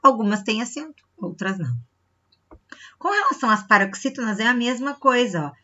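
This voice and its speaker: A bright, clear-toned woman teacher walks children through a review lesson. She explains patiently, checks in often and draws out words to show where the stress falls. The recording sounds dull and lo-fi, like a home video. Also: on the high side, expressive, brisk.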